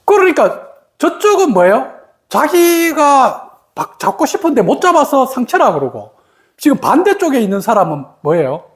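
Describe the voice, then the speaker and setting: A woman's voice: high voice, very animated, normal speed. A woman giving a meditation talk, explaining patiently with everyday examples and asking the listeners rhetorical questions. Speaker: meditation teacher. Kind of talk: spoken meditation teaching.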